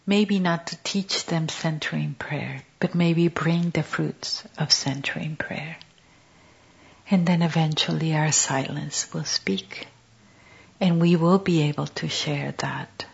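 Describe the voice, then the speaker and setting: A woman giving a gentle contemplative teaching on prayer, speaking softly and often half-whispered in short, halting phrases. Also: low-pitched, steady tone, creaky. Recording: dull lo-fi recording.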